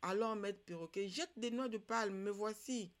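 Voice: mid-range voice, moderate pace, voice pushed up, lightly acted. A storyteller voicing a hungry partridge in a folk tale, coaxing and pleading.

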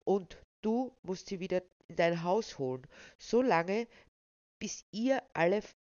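A woman's voice: medium pitch, measured pace, a little mellow, no echo, close to an everyday voice. A woman reading aloud, voicing a crowd of menacing village voices that press their warnings insistently. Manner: insistent, rising, hissing warnings. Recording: slightly dull, dry sound.

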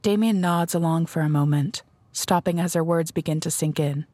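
Woman reading narration, lowish voice, dry close mic, measured. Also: dark tone, dry recording. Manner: measured, descriptive storytelling. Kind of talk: scripted narration.

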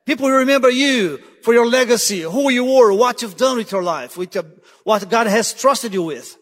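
High-voiced guest preacher, hall reverb. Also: male voice, expressive, moderate pace, fairly bright tone. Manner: urgent, repeats "listen" to drive points home. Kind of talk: sermon. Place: church sanctuary. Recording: long church hall reverb.

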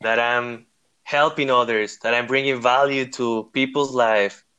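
A man's voice: medium pitch, fairly even intonation, a little slow, bright, forceful tone, smooth, muffled recording. Earnest man. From Costa Rica. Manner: earnest, searching, many fillers and restarts. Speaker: guest. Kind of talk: interview conversation.

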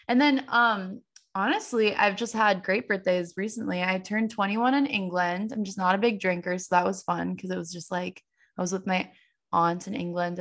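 A woman's voice: medium pitch, a bit bright. A woman in her twenties chatting casually with a friend, talking with lots of "like" fillers. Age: 20s. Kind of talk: casual chat.

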